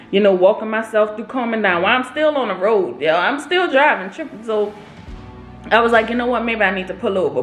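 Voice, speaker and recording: A young woman vlogger telling a story in a casual, animated, expressive way. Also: medium pitch. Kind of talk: storytime vlog. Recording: roomy echo.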